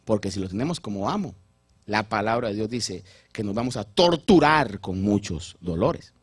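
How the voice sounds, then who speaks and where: A male pastor giving a sermon, animated and repeating words while he builds each point. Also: fairly low pitch, moderate pace, breathy edge, no echo, studio quality.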